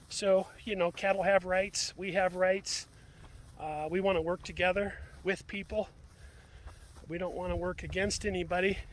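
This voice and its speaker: A man's voice: sits high, fairly bright tone. A man vlogging outdoors while walking his land, out of breath and plainspoken, repeating phrases for emphasis. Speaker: homestead vlogger. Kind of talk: casual outdoor vlog.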